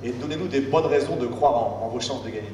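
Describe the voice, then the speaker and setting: A man asking questions at a press conference, halting and repeating small words. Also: mid-range voice, darkish tone. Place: echoey press conference room. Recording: echoey hall, slightly distant, faint noise.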